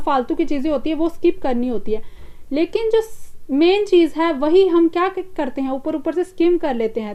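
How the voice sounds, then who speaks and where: An Indian woman teaching an exam-prep English vocabulary lesson, explaining in Hindi and reading the English answer options slowly. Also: high-pitched, a little mellow.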